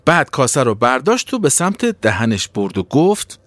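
A man narrating a children's story in an expressive, animated way. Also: mid-range voice, no echo.

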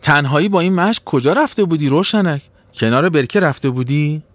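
A soft-spoken, kindly mother as a man plays her in a children's storybook, gentle with a hint of sternness. His delivery stays lively and varied in pitch. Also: dry recording, lightly acted. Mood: questioning. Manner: gentle, affectionate.

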